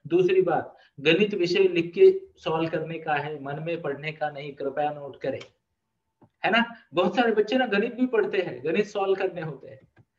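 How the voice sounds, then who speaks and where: A man's voice: on the high side, normal speed, echoey room, far from the mic, muffled recording. A man who is a life coach and author, giving students an earnest motivational talk and often repeating requests to take note. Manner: earnest, repeats "please note" and asks the audience questions.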